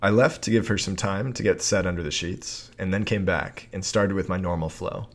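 Low gravelly man telling an intimate story. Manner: calm, confiding, unhurried narration. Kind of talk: first-person erotic story narration.

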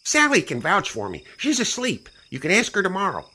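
A man voicing a hotheaded, belligerent drunk who snarls loudly and pitches up high. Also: wildly swooping pitch, brisk, full character voice. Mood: smug. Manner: loud, snarling.

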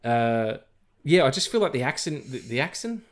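A man's voice: medium pitch, big pitch swings, normal speed. A man co-hosting a film podcast, talking casually with lots of fillers, restarts and jokes. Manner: rambling, many fillers and restarts, jokey. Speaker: podcast co-host. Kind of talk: casual film review chat.

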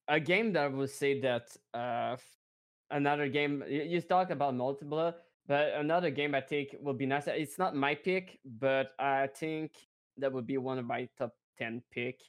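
Smooth-voiced man in casual podcast chat. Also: mid-range voice, a little slow. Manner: laughs often, searches for words. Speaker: podcast co-host.

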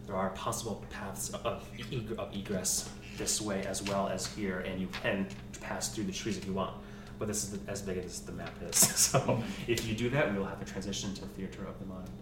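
Low-voiced man narrating as game master. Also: steady tone, moderate pace, background noise. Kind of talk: narrating a tabletop fantasy game. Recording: roomy, distant mic, music playing.

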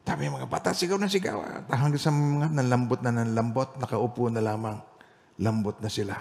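A male pastor leading a Bible study, telling a personal testimony in an animated way that swings between loud emphasis and quiet asides. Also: mid-range voice, fairly quick, vocal fry, big-room sound.

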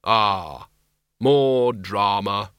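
A man voicing Death, a grim skeletal male reaper who speaks slowly in a flat, deadpan way. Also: clear, resonant tone, no echo, studio quality. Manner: slow, deep, deadpan.

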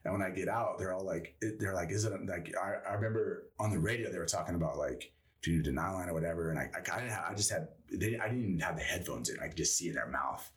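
Deep-voiced man telling a profane war story. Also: fast, few pauses, far from the mic. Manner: profane, rambling, animated storyteller. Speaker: guest, former Green Beret. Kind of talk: casual storytelling interview.

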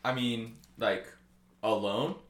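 A man's voice: medium pitch, fairly even intonation, slow, fairly bright tone. A young man chatting casually as a guest, easygoing and matter-of-fact, explaining things in short pieces. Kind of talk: casual chat. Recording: echoey room with clear background noise.

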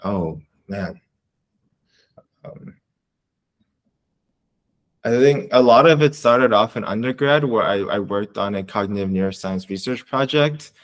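Soft-spoken young man, rambling interview answers. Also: on the low side, animated, unhurried, long pauses. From Canada. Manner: rambling, restarts often, many fillers. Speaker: interview guest, clinical research coordinator. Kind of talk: casual interview.

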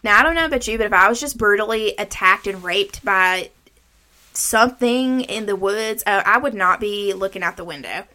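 A woman's voice: medium pitch, normal speed, bright, forceful tone. A woman around her thirties hosting a movie recap, mixing scripted summary with informal, salty chat. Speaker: podcast host.

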